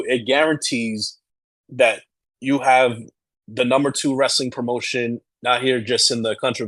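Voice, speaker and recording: A man co-hosting a podcast, giving opinionated conversational commentary, halting and repeating phrases as he stresses his points. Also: mid-range voice, no room sound, poor audio. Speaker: podcast co-host.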